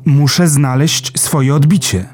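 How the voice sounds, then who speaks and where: A man's voice: steady tone, slow pace, a little mellow. A man voicing a fussy, anxious male stick insect who loves order and gets upset easily, in a children's storybook. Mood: puzzled, eager. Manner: higher, eager, easily upset.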